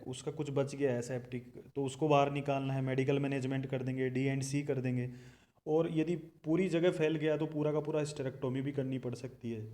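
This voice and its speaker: A man's voice: mid-range voice, dark tone. Hindi-speaking man teaching a lecture. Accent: Indian English. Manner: explains step by step, asks questions and answers them himself. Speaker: nursing exam teacher. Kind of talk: recorded lecture.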